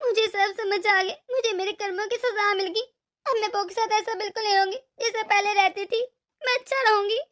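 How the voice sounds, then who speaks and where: A woman playing a cartoon mother-in-law who once scolded and now pleads, tearful. The voice is extremely high and bright, almost childlike. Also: fairly even intonation, brisk. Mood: contrite. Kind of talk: cartoon voice acting.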